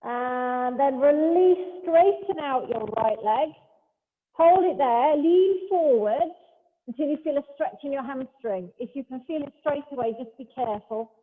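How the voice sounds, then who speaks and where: A woman leading a Pilates class, giving calm step-by-step cues mixed with chatty asides. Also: high-pitched, unhurried. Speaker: Pilates instructor. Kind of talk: guiding an exercise class. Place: large hall, class streamed over a video call. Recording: echoey hall over a thin phone-like line.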